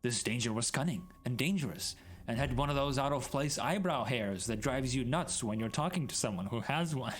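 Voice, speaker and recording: A man with a mid-range voice reads a comic story aloud in a brisk, animated, mock-serious way, speaking straight to the listener. He's a storyteller streaming the reading, and music and sound effects play behind him.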